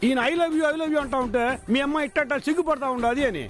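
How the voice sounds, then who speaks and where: An actor playing a hard-of-hearing older father, loud, scolding and comic, over background music. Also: extremely high pitch, fast. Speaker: bride's father.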